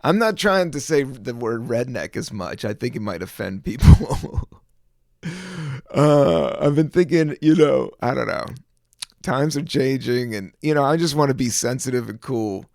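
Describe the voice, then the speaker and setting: A man's voice: medium pitch, animated, unhurried, gravelly, a little mellow, no room sound, studio quality. A man hosting his own podcast in a rambling, laid-back chat full of fillers. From American South. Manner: rambling, laid-back, many fillers, laughs and sings snippets. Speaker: podcast host. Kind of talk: casual solo podcast chat.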